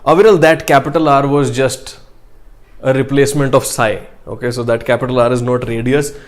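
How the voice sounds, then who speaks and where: Male online teacher, North Indian accent, mid-pitched voice, casual live-class delivery with Hindi asides and quick check-ins to students. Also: steady tone. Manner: mixes Hindi phrases into English; addresses students directly with short check-ins. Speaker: online exam-prep chemistry teacher.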